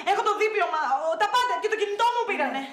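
A woman's voice: very high-pitched, animated, fairly bright tone. An actress playing a frantic young woman who has just been robbed, talking in a panicked, pleading way in a TV series. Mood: distraught. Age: young adult. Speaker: young woman whose bag was stolen. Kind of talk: TV series acting.

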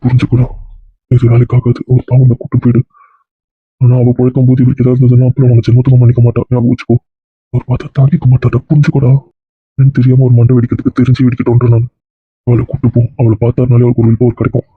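A man playing a firm, steady man who talks a grieving friend into staying calm. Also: mid-range voice, racing, breathy edge, no echo, lightly acted. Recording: phone-like dry recording.

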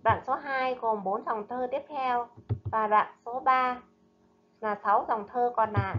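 A woman primary school teacher giving a recorded reading lesson to young children, speaking slowly and enunciating each word with care. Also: on the high side, highs cut off. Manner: slow, careful, clearly enunciated reading and drills. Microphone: voice-over narration over slides.

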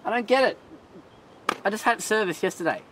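A man playing a fed-up driver in an amateur comedy sketch, scolding his friends and shouting often. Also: high-pitched, lively intonation, a little fast, noisy background. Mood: irritated. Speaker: driver of the car. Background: loud music.

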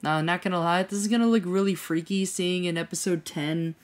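A woman hosting a let's play, chatting casually and thinking out loud as she plays. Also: on the low side, steady tone, a little fast. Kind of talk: casual gameplay commentary. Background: loud game music.

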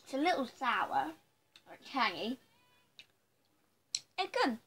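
A woman's voice: fairly high pitch, wildly swooping pitch, slow, fairly bright tone, slight background noise. A young girl chatting casually about candy while chewing it, talking with a full mouth. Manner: chatty, giggly. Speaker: co-host. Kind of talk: casual candy tasting chat. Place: at home.

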